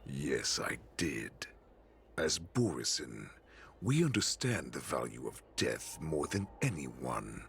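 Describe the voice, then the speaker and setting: An actor playing a cruel, gloating wolfish beast warlord in a video game, talking slowly and mockingly. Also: male voice, sing-song, a bit bright, a little hiss or hum, exaggerated voice. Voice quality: deep gravelly growl. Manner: slow, mocking, savoring every threat.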